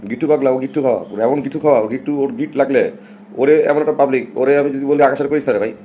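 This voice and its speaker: A man's voice: medium pitch, fairly even intonation, fast, phone-quality sound, slight background noise. A man from Bangladesh, talking casually and emphatically to his viewers on a live stream and slipping English phrases in.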